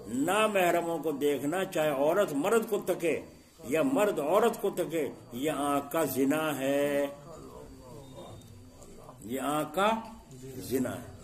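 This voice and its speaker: A middle-aged man preaching an Islamic sermon, asking the congregation questions and acting out little scenes with sudden jumps in loudness. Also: on the high side. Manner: rhetorical questions to the congregation, acts out scenes with sharp shifts in loudness.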